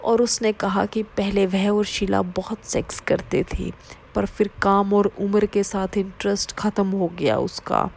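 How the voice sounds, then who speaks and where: A woman reading a first-person story aloud in a steady, low-key way. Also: unhurried, gravelly. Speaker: narrator.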